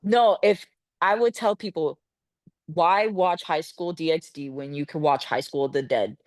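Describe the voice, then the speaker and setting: A woman's voice: deep voice, normal speed, a little mellow, dry recording. A young adult woman talking as a podcast guest in casual, blunt, slangy and profane chat. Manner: blunt, informal.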